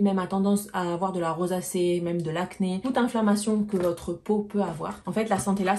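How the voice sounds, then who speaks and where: A woman beauty vlogger talks through her haul in a relaxed, chatty way, addressing viewers directly as she explains each product. Her voice is warm and mellow, never sharp. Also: mid-range voice. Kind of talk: casual product haul chat.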